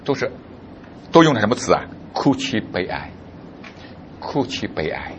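A man's voice: lowish voice, big pitch swings, moderate pace, muffled recording, background noise. A male pastor preaching a sermon, who keeps putting rhetorical questions to his congregation.

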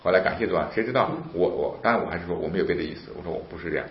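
Speaking fast in a deep voice, a man spins a casual tale, re-enacting conversations with lively, emphatic bursts. Faint hiss runs through the dull, roomy lo-fi recording.

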